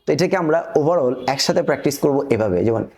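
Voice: medium pitch, animated, quick pace, darkish tone. A teacher from Bangladesh gives a phonetics lesson, saying each vowel sound twice and drilling example words. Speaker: pronunciation teacher.

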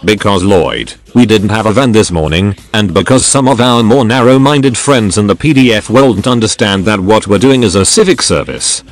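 A man's voice: lowish voice, moderate pace, few pauses, lightly acted. A man voicing a glib, short-tempered male looter in an audio story, arguing and justifying himself. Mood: self-justifying. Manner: argumentative, self-justifying.

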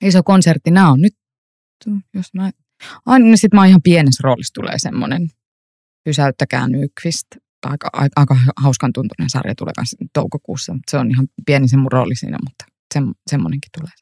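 A woman actor as a podcast guest, telling lively anecdotes with frequent laughter and many fillers, recorded in a library room. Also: a bass voice, vocal fry, husky, no room sound, clean studio sound. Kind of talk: casual interview storytelling.

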